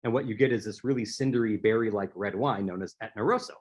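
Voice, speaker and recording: A man's voice: fairly low pitch, quick pace. A man speaking as an author, giving a prepared talk and telling stories, with a few restarts. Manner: storytelling, with some restarts. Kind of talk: prepared speaker-series presentation.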